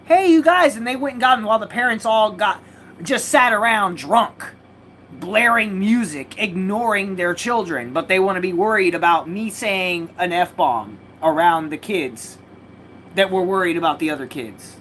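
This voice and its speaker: A woman's voice: medium pitch, normal speed, a bit bright. A woman chatting casually on a livestream while opening trading card packs, rambling, slangy and swearing freely, from a home room with a mattress propped against the wall. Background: faint noise of a party next door.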